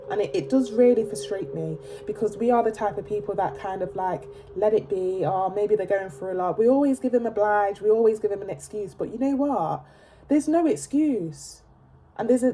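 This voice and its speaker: A woman with a blocked nose giving a casual tarot reading to camera, chatty and emphatic, often checking in with "okay?". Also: mid-range voice. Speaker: tarot reader.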